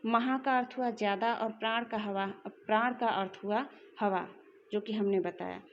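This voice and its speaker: A woman teacher explaining a lesson slowly and clearly, repeating examples. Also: mid-range voice, fairly even intonation, slight background noise. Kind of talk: classroom lesson. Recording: dull lo-fi recording.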